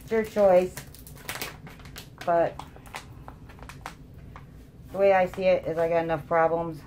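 A woman's voice: lowish voice, fairly even intonation, slow, warm tone, slight background noise. A woman casually narrating a craft tutorial, her voice muffled by a mask over her mouth. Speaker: resin craft demonstrator.

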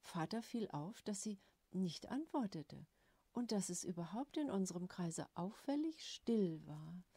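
A woman narrating a storybook chapter at a slow, unhurried pace. Her voice is mellow and darker, recorded dry and close. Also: fairly low pitch, breathy edge, no room sound. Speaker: audiobook narrator. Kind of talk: storybook reading.

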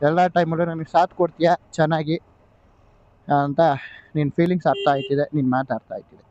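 Weary placating male motovlogger, dark voice. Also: fairly high pitch, fairly even intonation, fairly quick, lo-fi sound. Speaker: motovlogger and rider. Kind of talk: comic motovlog sketch.

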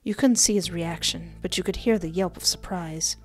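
Reading a visual novel aloud with sassy, cheeky reactions, a young woman streams from an indoor desk. She speaks at normal speed in a fairly low, darkish voice, captured by headset and desk microphone with faint game music behind.

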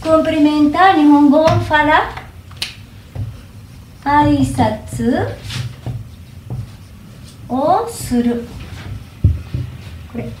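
Woman teacher, high voice, slowly models greetings, roomy echo. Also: darkish tone. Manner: slow careful demonstration of each phrase. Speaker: Japanese teacher. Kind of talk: language lesson. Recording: echoey room, faint hum.

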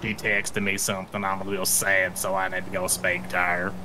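A man's voice: sits low, monotone, fairly quick, close to an everyday voice. A man playing a tipsy male suspect who mumbles evasive excuses after a traffic stop, in a role-play game. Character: tipsy male suspect pulled over for reckless driving, dodging answers.

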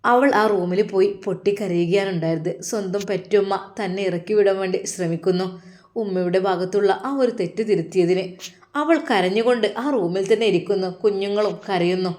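A woman tells a family story with a Malappuram Malayalam accent. Her narration is earnest and emotive, with a steady storytelling flow. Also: mid-range voice, a little fast.

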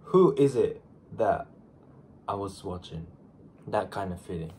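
The speaker is a Japanese man in his twenties with a Japanese accent, vlogging casually to a camera on his desk in a small bedroom. Though groggy from just waking up, he sounds animated, with a low, warm voice at a measured pace. He's chatty and self-deprecating and restarts phrases, over a little hiss or hum.

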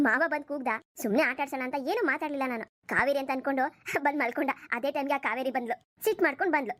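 A mischievous young cousin plays coy and teasing in this cartoon, voiced by a woman. Her voice is high and quick. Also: a bit bright. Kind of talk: cartoon voice acting.

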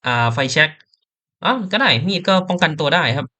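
A man's voice: a little high, expressive, fairly quick, sharp tone. A man chatting casually as he plays a game, joking and thinking aloud. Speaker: gaming streamer. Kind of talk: casual let's-play commentary.

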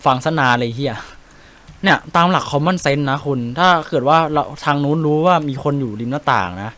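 A young man with a Thai accent giving casual gameplay commentary, chatty and excitable, swearing casually while he explains tactics. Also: fairly high pitch, fairly quick. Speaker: game streamer.

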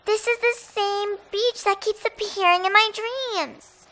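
A woman voicing a sweet, earnest young mermaid girl in an animated game story. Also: extremely high pitch, a little slow, soft background music, full character voice. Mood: earnest, puzzled.

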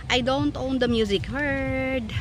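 A woman's voice: high voice, steady tone, slow, noisy background. A middle-aged woman with a Filipino accent chatting casually to her phone camera as a vlogger, laughing easily and mixing in English. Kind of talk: casual travel vlog chat. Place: outdoor garden restaurant, then inside a car. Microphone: phone held at arm's length.

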